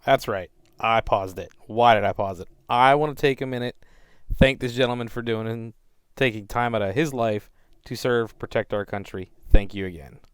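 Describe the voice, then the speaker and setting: A man narrating his own video in a relaxed, plainspoken voiceover. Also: medium pitch, moderate pace, smooth, dry recording, studio quality. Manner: relaxed, plainspoken, a few fillers. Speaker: channel host narrating.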